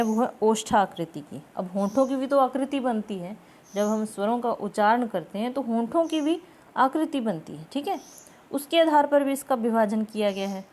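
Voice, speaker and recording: Young woman, teacher, exam-prep grammar lesson, step-by-step explaining, asks questions, drawn-out vowel examples. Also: a little high, darkish tone. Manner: stretches out sample vowel sounds.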